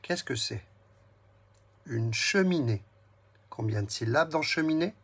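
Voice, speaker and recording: A man giving a slow, patient reading lesson to a young child and spelling words out syllable by syllable. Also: mid-range voice, animated, fairly bright tone. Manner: speaks slowly, splits words into syllables.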